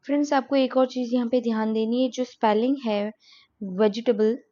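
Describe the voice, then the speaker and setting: On her channel, a woman gives a spoken English lesson in a fairly high yet mellow voice with fairly even intonation. She explains patiently and reads each example sentence slowly. The audio comes across as dull and lo-fi.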